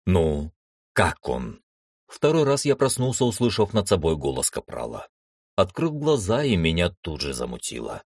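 Deep, lively male audiobook narrator. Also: moderate pace, no room sound, studio quality. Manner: expressive storytelling. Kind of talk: first-person audiobook narration.

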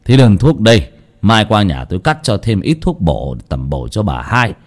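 A man voicing a stern old village healer who talks gravely and slowly, lecturing. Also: lowish voice, very animated.

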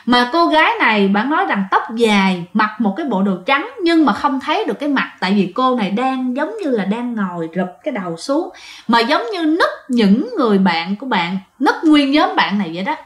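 A woman's voice: fairly high pitch, very animated, fairly quick, roomy sound. Chatty woman telling ghost stories. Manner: chatty, addresses listeners directly. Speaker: storyteller. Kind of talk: ghost story narration.

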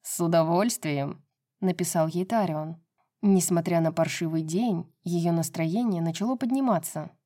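A woman narrating a romance novel as an audiobook, in an even reading voice. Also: fairly low pitch, moderate pace.

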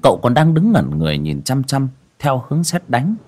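A man, reading a village story as an expressive audiobook narrator. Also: mid-range voice, normal speed.

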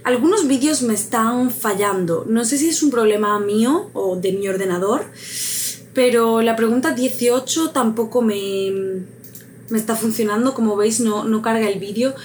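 A woman's voice: a little high, moderate pace, slight background noise. Musing woman guessing aloud. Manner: musing, hesitant, laughs at own luck. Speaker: vlogger taking a quiz. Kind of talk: casual thinking aloud.

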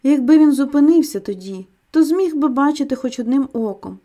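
Mellow higher-voiced woman reading dramatically. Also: lively intonation, fairly quick. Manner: tense dramatic reading of a first-person male story. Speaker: audiobook narrator. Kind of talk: scripted audiobook narration.

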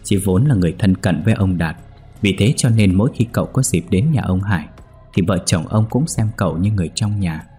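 A man narrating a ghost story in a steady, measured way. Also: low voice, husky, faint music behind.

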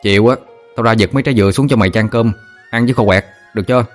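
A man's voice: on the low side, faint music behind, voice pushed up, lightly acted. A man with a Southern Vietnamese accent voicing an older village boy who teases and shows off. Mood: teasing. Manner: teasing, brash, quick-talking. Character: older village boy, teasing, brash, showing off.

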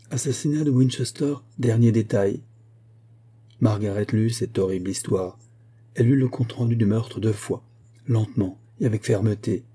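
A man narrates a novel in a steady, measured way. His voice is low, very dark and husky. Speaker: audiobook narrator. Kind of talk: scripted narration.

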